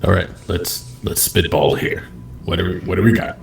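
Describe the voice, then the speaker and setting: Deep-voiced man echoing through a doubled mic. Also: little pitch movement, moderate pace, gravelly, faint music behind. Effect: echo, his voice heard twice through a second device. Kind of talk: casual chat while playing a tabletop game online. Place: home office. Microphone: computer mic on a video call. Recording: echoey doubled voice on a call.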